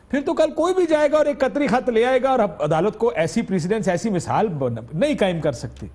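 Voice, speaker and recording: High-voiced man pressing tough questions. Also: darkish tone. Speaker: talk show host. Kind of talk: political TV interview.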